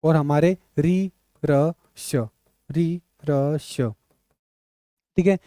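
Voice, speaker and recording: A male teacher leading an online exam-prep class, drilling letters aloud and repeating questions to his students with lively energy. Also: fairly high pitch, very slow, clean tone, no echo, studio quality.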